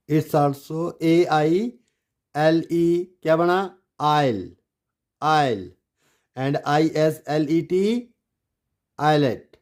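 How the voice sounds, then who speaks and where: A man teaches pronunciation in Hindi. He speaks slowly and deliberately, repeating each word and asking rhetorical questions. His voice sits a little higher than most men's. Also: mellow. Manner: slow, drills words and repeats them, asks rhetorical questions. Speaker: English teacher. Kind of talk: Hindi-language English pronunciation lesson.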